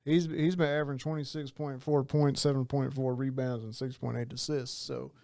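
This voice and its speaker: A man co-hosting a podcast in casual sports chat, quick and excitable, rattling off stats. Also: mid-range voice, gravelly, no room sound, studio quality. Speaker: podcast co-host.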